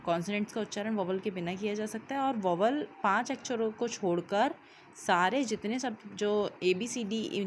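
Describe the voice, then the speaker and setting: A woman's voice: mid-range voice, a little hiss or hum. Hindi-speaking woman teacher explaining grammar. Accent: Indian. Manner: explains step by step, ends points with "ठीक है", spells words out letter by letter. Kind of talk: recorded English grammar lesson explained in Hindi.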